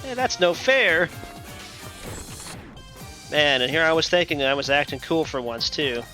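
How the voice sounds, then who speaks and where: A man's voice: fairly high pitch, expressive, unhurried, sharp tone, soft background music. A man voicing an earnest, eager teenage boy from an occult club. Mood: indignant.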